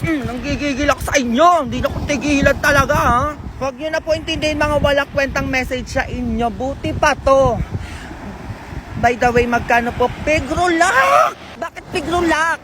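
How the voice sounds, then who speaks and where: A woman's voice: sits high, fairly even intonation, brisk, background noise. A woman ranting comically, exasperated, in a casual skit. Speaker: comedy vlogger. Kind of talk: comic rant.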